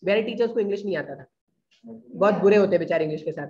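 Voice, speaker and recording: Brief: chatty male classroom teacher, somewhat high voice, dull lo-fi recording. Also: very fast, a little mellow, a little hiss or hum. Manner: casual, keeps checking if students follow. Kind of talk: classroom lecture.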